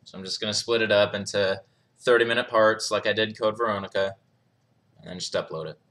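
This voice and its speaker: A man's voice: lowish voice, fairly even intonation, a little fast, a bit bright. A young man hosting a live question-and-answer stream, chatting casually, reading viewer comments and laughing often. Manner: laid-back, chuckles often, reads chat aloud.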